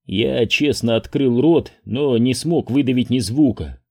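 Man reading a tense first-person audiobook, husky and mellow. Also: mid-range voice, unhurried. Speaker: audiobook narrator.

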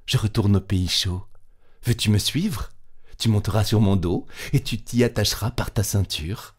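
A man voicing a kind, grateful swallow in a storybook, speaking gently and coaxingly in a low voice. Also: moderate pace, slightly rough. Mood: gentle.

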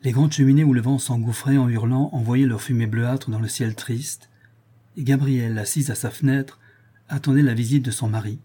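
A man narrating a classic novel as an audiobook, in a measured reading style. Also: mid-range voice, fairly even intonation, warm tone, breathy edge.

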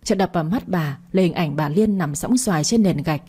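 A woman narrating a scripted audio story in a dramatic, measured way. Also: lowish voice, warm tone, husky.

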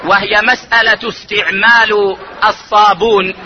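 Man, religious teacher, high-pitched, deliberate lecture pace, faint background noise. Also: level tone, highs cut off. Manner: measured, deliberate, stresses key words slowly. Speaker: Islamic scholar teaching jurisprudence.

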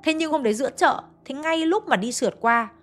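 A woman tells a ghost story in a chatty, confiding way, turning often to her listeners. Her voice sits a little high. Faint music plays underneath. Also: fairly quick, a bit bright. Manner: chatty, addressing listeners directly.

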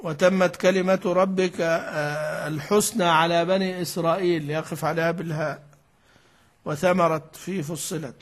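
High-voiced man explaining recitation rules. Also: steady tone, normal speed. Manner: explains patiently, repeats key words, asks and answers himself. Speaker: sheikh teaching Quran recitation. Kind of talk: classical Arabic lesson commentary.

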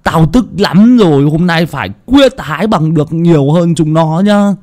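A man voicing a chubby, loud, teasing village boy, shouting and joking. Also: a little high, animated, normal speed, pitched above the performer's own voice, natural voice. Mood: eager. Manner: shouty, cheeky, laughing.

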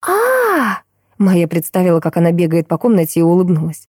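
A woman reading a novel aloud in an even, measured storytelling manner. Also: fairly low pitch, no room sound, clean studio sound. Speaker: audiobook narrator. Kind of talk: scripted narration.

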